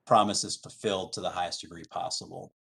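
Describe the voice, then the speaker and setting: A man, a transit official, gives a halting formal briefing over a video call while his audio keeps cutting out and glitching. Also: low voice, fairly even intonation, vocal fry, a bit bright, husky. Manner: halting, many filler sounds and restarts. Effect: corrupted audio that keeps cutting out. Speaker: transit agency official presenting to a council committee. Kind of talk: formal briefing on a remote meeting.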